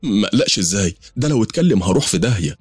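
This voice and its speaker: Brief: man playing a fretful Egyptian wife, husky, quick worried pleading. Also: fairly low pitch, expressive, no room sound, clean studio sound, faint music behind, pitched above the performer's own voice. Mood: anxious. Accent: Egyptian Arabic. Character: anxious young wife, a college lecturer.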